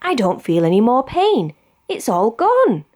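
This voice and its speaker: A woman's voice: fairly high pitch, wildly swooping pitch, unhurried, darkish tone, pitched above the performer's own voice. A woman with a British accent voicing a big, snappy male crocodile in a children's storybook, in an emphatic way. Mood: relieved.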